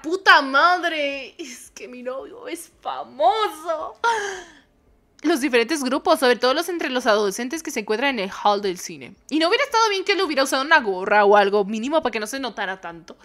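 A woman's voice: a little high, very animated, fast, a bit bright. A young woman with a Mexican accent, reading a dating game aloud and reacting with playful squeals and joking swears. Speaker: gamer.

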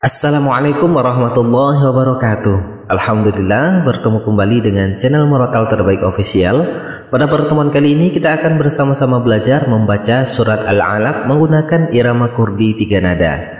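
A man hosting a recitation channel, calmly explaining a chanting lesson. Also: medium pitch, a little fast. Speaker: channel host and recitation teacher. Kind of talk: spoken instruction. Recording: echoey room with long reverb.

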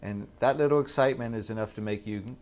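A man's voice: on the low side, quick pace, darkish tone. A man, a metal detectorist, speaking thoughtfully and conversationally in a documentary interview.

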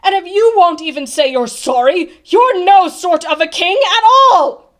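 A woman voicing an outspoken, earnest boy in a storybook, speaking in a forceful, scolding way. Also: sits high, expressive, extremely slow, exaggerated voice. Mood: defiant. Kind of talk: storybook character voice.

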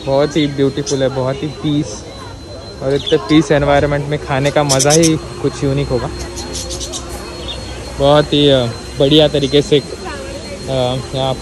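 A man's voice: fairly high pitch, flat delivery, unhurried, pauses often. A young man talking casually as a food vlogger at an outdoor garden restaurant, chatty and upbeat, with many fillers and English words mixed in. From India. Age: young adult.

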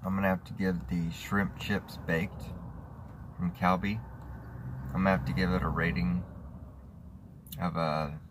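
Low-voiced guy doing a casual snack review in his car, kinda halting, clear background noise. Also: flat delivery. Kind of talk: casual product review to camera. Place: inside a parked car. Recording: noisy car interior phone recording.

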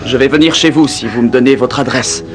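A man's voice: mid-range voice, a little fast, soft background music, lightly acted. An actor in his thirties playing an earnest, reassuring young priest who speaks insistently in a dubbed TV crime drama. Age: 30s. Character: earnest young priest, urgent, soothing and protective.

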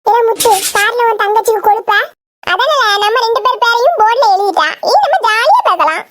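Squeaky cheeky schoolkids. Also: expressive, fairly quick, heavy background noise. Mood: rowdy. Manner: teasing, squabbling, shrill giggling. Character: chattering village schoolkids, boys and girls, cheeky. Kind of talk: cartoon voice acting.

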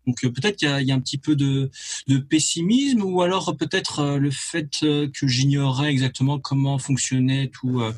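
Man, interview guest, musician, middle pitch, hesitant, halting, fillers and repeats. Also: husky. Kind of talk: casual interview talk.

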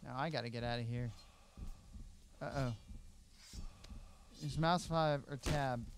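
A man's voice: mid-range voice, measured pace, noisy background. A young man giving casual gameplay commentary on a headset, reacting aloud with mild exclamations. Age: young adult. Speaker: let's play host.

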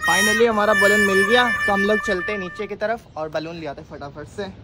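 A man vlogging in casual, excited chat, talking in quick short calls while playing outdoors. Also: high voice. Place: outdoors on a rooftop. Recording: noisy outdoor phone recording.

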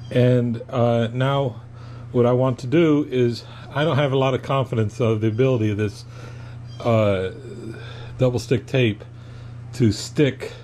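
A man explaining a woodworking project in a casual, unhurried how-to manner, with fillers as he goes, recorded in a home shop. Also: mid-range voice, mellow, slight background noise. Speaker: woodworking hobbyist.

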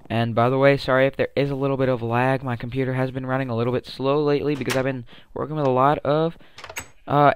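Young guy kinda sick, voice cracking, goofy rambly game commentary, faint hiss behind. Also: medium pitch. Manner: playful and rambling, with silly sing-song hype bits. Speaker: gaming channel host. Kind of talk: casual let's-play commentary.

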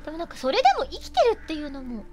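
Bubbly high-voiced woman playing a lady. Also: big pitch swings, rapid-fire, very noisy. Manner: mock-aristocratic lady speech, playful and dramatic. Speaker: streamer playing a horror game. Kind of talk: casual game-stream commentary. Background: game music.

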